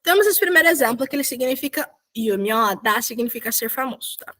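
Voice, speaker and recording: Young woman, high bright voice, casual video-call teacher who corrects herself and keeps checking in. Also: lively intonation, fairly quick. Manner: chatty, self-correcting, frequent checks with students. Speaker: volunteer Korean teacher. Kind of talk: casual online lesson.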